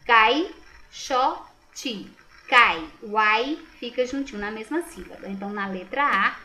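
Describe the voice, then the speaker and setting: In this exam correction lesson, a Brazilian teacher with a Brazilian Portuguese accent patiently reviews the test, raising questions and answering them herself as she checks answers aloud. Her voice is medium-pitched, pushed and bright, at a normal pace.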